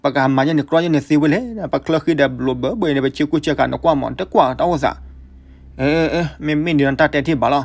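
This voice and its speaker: A man telling a folk story, switching between loud outbursts and hushed asides. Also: a little high, fairly even intonation, fast talker, creaky.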